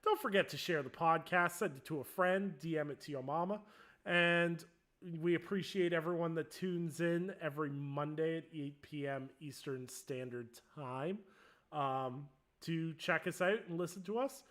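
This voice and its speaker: Bright-voiced man co-hosting a gaming podcast. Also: fairly high pitch, moderate pace. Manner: laughs often, loose and playful. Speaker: podcast co-host. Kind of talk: casual gaming chat.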